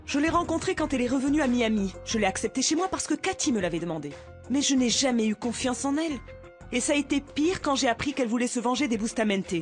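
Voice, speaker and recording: A woman's voice: high-pitched, expressive, quick pace, soft background music. An actress dubbing a scheming woman who testifies and hoards money, sly and defensive. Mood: testifying. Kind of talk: dubbed telenovela acting.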